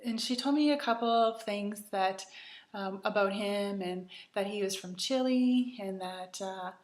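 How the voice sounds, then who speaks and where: A Canadian woman in her thirties, hosting a retreat, tells her personal story to camera in a chatty, earnest way with many ums. Her mid-range voice moves at a measured pace and has a roomy sound.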